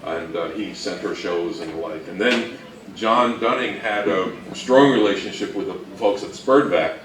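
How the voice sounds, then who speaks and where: A man with a low voice co-presents an informal lecture on old-time radio history to a live audience, talking at normal speed. He's recorded from a distance in an echoey room with faint noise.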